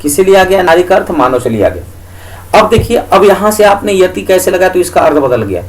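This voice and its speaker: A man's voice: high-pitched, very animated, normal speed, poor audio. A male teacher explaining a lesson for exam students, asking questions and answering them himself and repeating each key point.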